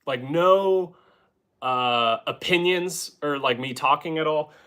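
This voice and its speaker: A relaxed man talks to his viewers from home between bits of snare drum playing. He rambles easily, leaning on filler words as he chats in a casual live-stream way. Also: a little high, takes it slowly. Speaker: drummer and channel host.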